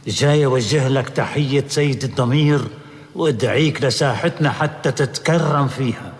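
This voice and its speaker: A man's voice: mid-range voice, moderate pace, in a large hall. A man playing an earnest court prosecutor who narrates the case, declaiming formally in an old radio drama broadcast. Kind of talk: 1970s radio acting.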